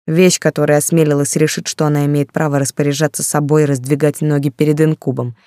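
An audiobook narrator reading a dark first-person story with intense emotion. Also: medium pitch, flat delivery, fast talker, no room sound, clean studio sound.

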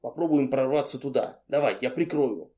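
A man voicing a calm whispering bodyguard. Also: mid-range voice, normal speed, highs cut off, natural voice. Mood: low whisper. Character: steady, dry-witted male bodyguard. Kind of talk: audiobook character reading.

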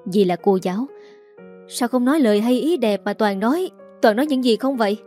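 A woman's voice: fairly high pitch, lively intonation, a little fast, warm tone, soft background music, lightly acted. A woman voicing an earnest young man who pleads with his stepmother in a firm but pleading way.

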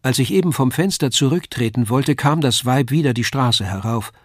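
A man reading a classic novella aloud in a measured, expressive narration. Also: medium pitch, no room sound, clean studio sound. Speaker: audiobook reader. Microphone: studio microphone.

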